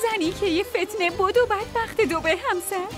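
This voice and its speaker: A woman dubbing a young daughter-in-law who grumbles and mocks with a sharp tongue. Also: extremely high pitch, loud music behind the voice. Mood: mocking. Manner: mocking, complaining. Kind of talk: Persian dub of a TV drama.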